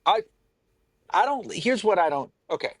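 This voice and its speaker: A man's voice: high-pitched, wildly swooping pitch, moderate pace, gravelly, no echo. Rambling self-mocking man, dry close sound. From Pacific Northwest. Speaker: podcast co-host. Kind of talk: casual chat.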